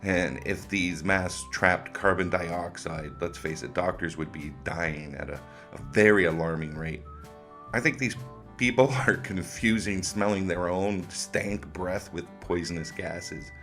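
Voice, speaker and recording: Deep-voiced, sarcastic man with a bright edge. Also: a little slow, faint music behind. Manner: sarcastic, mocking. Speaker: host of a commentary video. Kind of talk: comic reaction commentary.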